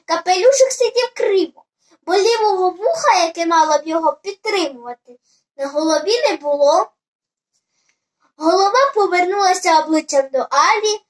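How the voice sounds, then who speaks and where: A storyteller reading a fairy tale aloud in an expressive, lively way. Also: extremely high pitch, moderate pace.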